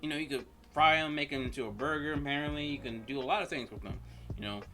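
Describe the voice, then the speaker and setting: Rambling man with a very bright voice. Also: fairly high pitch, fast, faint music behind. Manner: rambling, self-correcting. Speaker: reaction video host. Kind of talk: casual reaction commentary.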